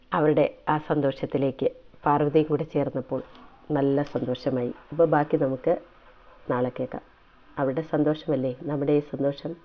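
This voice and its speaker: Brief: a man reading a serialized family story with feeling, lo-fi phone-like audio. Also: mid-range voice. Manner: emotive, reflective narration.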